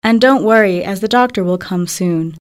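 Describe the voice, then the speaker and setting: A woman's voice: medium pitch, moderate pace, lightly acted. A woman voicing a caring grandmother in a storybook reading, speaking in a soothing, reassuring way.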